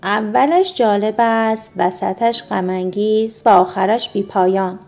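A woman voicing a gentle, sad-hearted father in a storybook reading. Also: mid-range voice, natural voice. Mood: musing.

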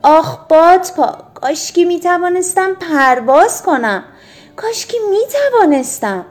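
Woman doing a wistful young boy, high and eager. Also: sing-song, creaky, dark tone, soft background music, heavily acted. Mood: longing.

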